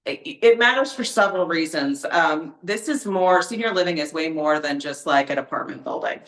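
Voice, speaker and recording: A woman's voice: deep voice, animated, moderate pace, echoey room. A woman speaking as a guest expert and author in a casual podcast conversation, explaining things in a chatty way with lots of fillers and everyday examples.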